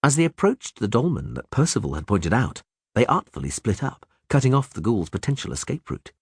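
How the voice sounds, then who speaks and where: Husky, low-voiced male audiobook narrator with a very animated delivery; dry booth sound. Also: brisk, no echo. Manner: lively storytelling with many voices.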